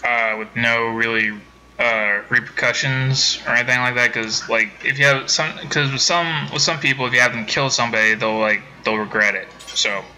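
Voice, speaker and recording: A man's voice: medium pitch, fairly even intonation, normal speed, sharp tone, rough recording. A man streaming a game from home, chatting casually with viewers and rambling with many self-corrections. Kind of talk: casual let's-play commentary.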